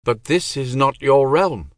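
A man's voice: mid-range voice, a little slow, no room sound, clean studio sound, voice pushed up, close to an everyday voice. A man voicing an earnest young male magician who asks wary questions. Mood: puzzled.

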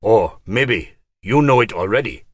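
A man's voice: fairly low pitch, a little slow, dry recording. A man doing an eager, knowing old magician. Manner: eager, excited.

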